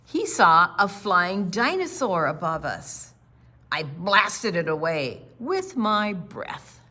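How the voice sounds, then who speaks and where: An older woman reads a picture book aloud to children at storytime, her phrasing dramatic and deliberate, with quieter conversational asides in between. Her voice sits fairly low and swings widely in pitch.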